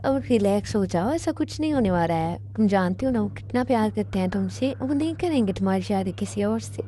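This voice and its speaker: A woman's voice: mid-range voice, animated, a little fast, mellow, slight background noise, lightly acted. A woman voicing a patient young boyfriend who coaxes and comforts his crying girlfriend, in an amateur fan-dubbed story. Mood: soothing. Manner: coaxing and soothing.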